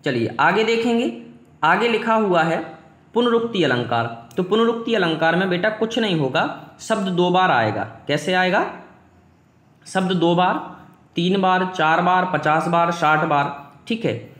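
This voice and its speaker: A man's voice: sits high, animated, measured pace, a bit bright, roomy sound. A male teacher giving an exam-prep grammar lesson, asking his students questions and answering them himself.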